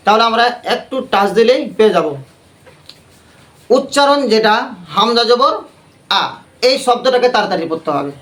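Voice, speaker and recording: A man's voice: high-pitched, fairly bright tone. A man teaching a Quran recitation class, quizzing the class with repeated questions and leading call-and-response.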